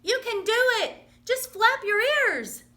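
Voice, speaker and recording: A woman's voice: very high voice, very animated, slow, pushed and bright, pitched above the performer's own voice, exaggerated voice. A woman voicing a kind, encouraging little male mouse from a storybook, eager and emphatic. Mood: excited, cheering.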